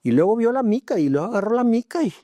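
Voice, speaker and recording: A man preaching a sermon as pastor, telling a personal story with emotion, dropping to hushed tones and rising again. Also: sits high, very animated, fast talker, dry recording. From Mexico. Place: church.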